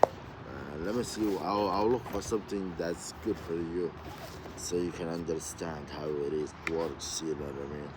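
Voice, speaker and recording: Rambling man from Somalia, low voice. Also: fairly even intonation, a little slow, very noisy. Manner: repetitive, lots of "you know what I mean". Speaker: vlogger. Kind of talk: casual rambling monologue.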